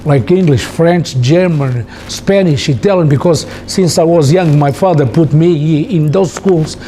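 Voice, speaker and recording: A man from Angola with an Angolan Portuguese accent, a native Portuguese speaker, recalling his life in halting, repetitive English as he searches for words. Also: a little high, mellow, a little hiss or hum. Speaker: interviewee, former soldier. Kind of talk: personal recollection in an interview.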